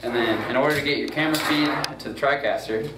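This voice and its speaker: In a quick, mid-range voice, a young student crew presenter walks through a gear setup, relaxed and informal with plenty of fillers and repeated "gonna go ahead." It's a casual how-to demonstration. He's recorded from a distance in an echoey, roomy space, with steady noise running beneath his voice.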